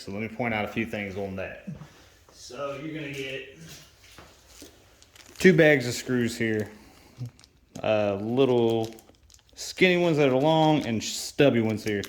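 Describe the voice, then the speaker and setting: A man explains a motorcycle install in a relaxed, hands-on way, often dropping to a near whisper as if talking to himself at work. His voice sits in the middle range. The sound bounces around a roomy garage. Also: medium pitch, slight background noise. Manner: quiet, half-whispering to himself as he works. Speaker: motorcycle vlogger and mechanic. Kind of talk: casual how-to while working.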